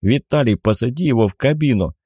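A man reading an audiobook voices a calm male leader giving steady orders. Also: medium pitch, brisk, slightly rough, no echo, voice pushed up. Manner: steady, commanding.

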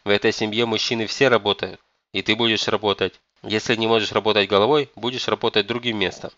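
A man's voice: on the low side, steady tone, fast, fairly bright tone, dry recording, dull audio, natural voice. A man voicing a stern, domineering elderly grandmother who scolds and commands. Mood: scolding.

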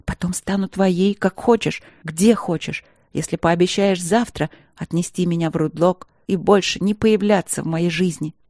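Woman voicing a desperate young princess, raised voice, bitter shouting, darkish tone, dry close sound. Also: fairly low pitch, normal speed, few pauses, no echo, close to an everyday voice.

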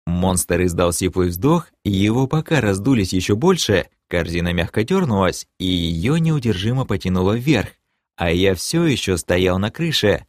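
Guy reading a fantasy audiobook, lowish voice, super animated, dry close sound. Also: moderate pace, no room sound. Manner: lively, dramatic, bursts into shouted dialogue. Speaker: audiobook reader. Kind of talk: scripted first-person fantasy narration.

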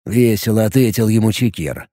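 A man narrating a fantasy audiobook with an expressive storytelling delivery. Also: on the low side, moderate pace, no room sound, studio quality.

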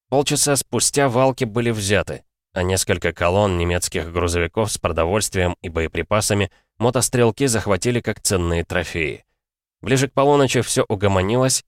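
A man narrating an audiobook in a steady, measured reading. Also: low-pitched, dry recording, studio quality.

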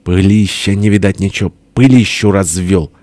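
A man voicing a gruff, hoarse older father-in-law in an audiobook, barking orders impatiently. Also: sits low, moderate pace, a little mellow, no room sound, natural voice. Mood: bossy. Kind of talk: audiobook character voice.

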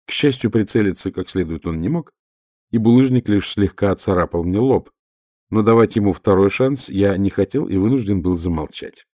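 Lowish male audiobook narrator. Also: normal speed, a little mellow, no echo, studio quality. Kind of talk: first-person audiobook narration.

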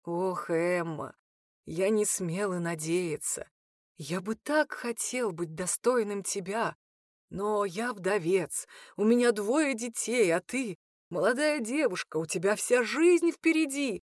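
A woman voicing a gentle, flustered widowed male innkeeper who speaks softly and hesitantly. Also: on the high side, expressive, normal speed, dry recording, studio quality, pitched above the performer's own voice. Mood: tender. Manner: soft, hesitant, apologetic.

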